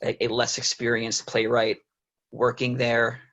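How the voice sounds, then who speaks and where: A man's voice: medium pitch, completely flat delivery, unhurried, a bit bright. A man hosting an interview, asking hesitant questions that he often rephrases or leaves unfinished. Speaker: interview host. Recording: dull lo-fi audio.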